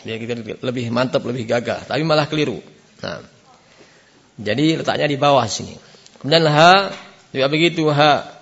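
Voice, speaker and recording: A man teaching a beginners' Quran recitation class, sounding out letters, having students repeat and chanting verses slowly as examples. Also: medium pitch, gravelly, fairly bright tone, lo-fi sound. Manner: chants verses slowly to show right and wrong. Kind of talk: classroom tajwid lesson. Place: Islamic boarding school class.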